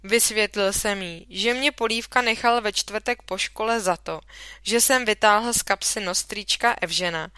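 A woman reading a children's story aloud in a lively, expressive narration. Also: mid-range voice, clear, resonant tone, dry recording. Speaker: audiobook reader.

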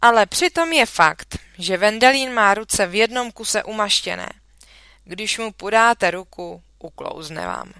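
A woman reads a children's storybook aloud in a lively storytelling manner. Her voice is bright and crisp. The studio sound is dry and close. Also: mid-range voice, no echo. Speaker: audiobook reader. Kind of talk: children's audiobook narration.

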